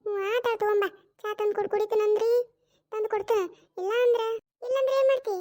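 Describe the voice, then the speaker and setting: A performer voicing a stubborn, scolding older mother-in-law in a cartoon, speaking with a North Karnataka Kannada accent and drawn-out retorts. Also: very high voice, steady tone, dark tone. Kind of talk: cartoon voice acting.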